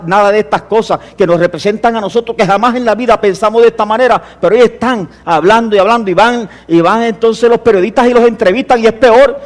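Male preacher, high-pitched, impassioned sermon delivery, builds to emphatic peaks. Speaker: pastor.

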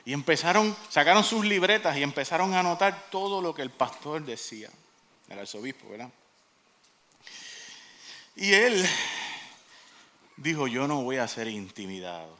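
A man preaching to his congregation. His voice is lively, swooping up and down as he tells stories theatrically. The tone is bright and forceful. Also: a little high. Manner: animated, theatrical storytelling. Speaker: pastor. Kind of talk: sermon storytelling.

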